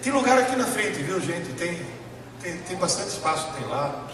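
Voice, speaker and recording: With a crowd audible in the background, an animated Italian professor with a high voice gives a motivational lecture to a live audience in a large, echoey hall. Italian is his first language, and he speaks emphatically with dramatic pauses and repetition, picked up by a distant mic in a noisy room.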